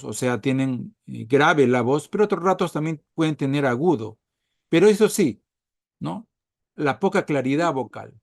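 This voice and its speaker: A man's voice: medium pitch, creaky, no room sound, clean studio sound. A man giving a recorded medical lecture, checking on his listeners with frequent tag questions and stressing key words.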